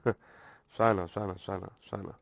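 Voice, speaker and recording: A man's voice: sits low, flat delivery, moderate pace, vocal fry, dry recording. A man with a Sichuan accent, talking bluntly and swearing heavily during a casual livestream. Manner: heavy swearing, blunt and combative.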